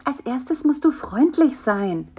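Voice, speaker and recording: A woman's voice: high voice, expressive, slow, darkish tone, breathy edge, pitched above the performer's own voice, heavily acted. A woman voicing a clever, pushy male fly who is impatient and full of plans, in a storybook reading. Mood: scolding. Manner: bossy, eager, talks people into plans. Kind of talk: storybook character voice.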